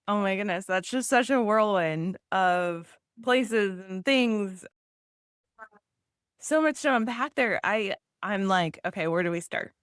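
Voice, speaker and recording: A woman's voice: medium pitch, lively intonation, slow, clean tone, no room sound, studio quality. A woman hosting an interview podcast, upbeat and enthusiastic as she asks questions. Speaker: podcast host. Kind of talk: scripted intro then interview chat.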